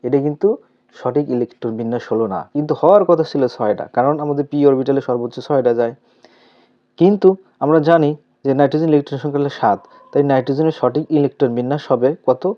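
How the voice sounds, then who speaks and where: A man teaching a chemistry lesson step by step with a Bangladeshi Bengali accent, asking questions aloud and answering them himself. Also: medium pitch. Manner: asks questions aloud then answers, repeats terms slowly. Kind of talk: step-by-step tutorial explanation. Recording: slightly dull lo-fi recording.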